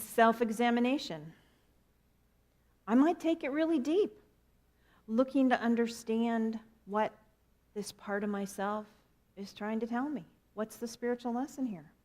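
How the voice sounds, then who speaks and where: Woman minister giving a chatty sermon. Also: medium pitch. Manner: conversational and playful, with self-deprecating asides.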